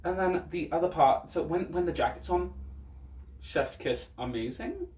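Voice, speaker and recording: A man's voice: high-pitched, lively intonation, moderate pace, a little mellow. A man with a sassy, campy drag queen manner giving casual, blunt reaction commentary. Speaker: drag performer reviewing looks. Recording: roomy echo, distant microphone.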